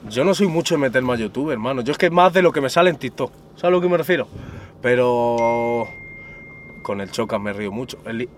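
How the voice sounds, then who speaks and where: A man's voice: medium pitch, fairly quick, slight background noise. A young man from Spain, an interview guest chatting casually in a car, using lots of street slang and calling the host brother and cousin. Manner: relaxed street slang, says "hermano" and "primo" constantly.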